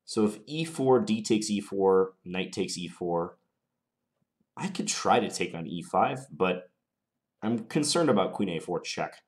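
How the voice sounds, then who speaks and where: At his computer, a chess commentator playing online thinks aloud through his moves in a very low voice touched by a slight cold. He stays calm and analytical, weighing every option in a measured way.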